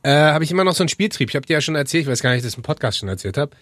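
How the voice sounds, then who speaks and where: A man's voice: fairly high pitch, expressive, very fast, fairly bright tone, no echo. A man co-hosting a casual podcast, chatting and joking playfully. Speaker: podcast co-host.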